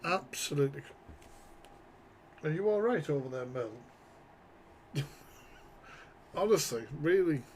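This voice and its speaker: Brief: male stream host, slightly high and soft-toned, sweary, mock-exasperated. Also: expressive, slow pace, long pauses, slight background noise. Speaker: livestream reaction host. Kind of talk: casual live reaction chat. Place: home, talking to his pet. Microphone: headphones.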